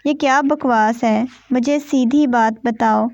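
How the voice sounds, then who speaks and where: A stern, short-tempered young husband, as a woman reader puts him on, spoken in her own high voice. The recording is dry and a little dull. It is read like a storybook. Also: a little mellow, no room sound, natural voice. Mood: angry.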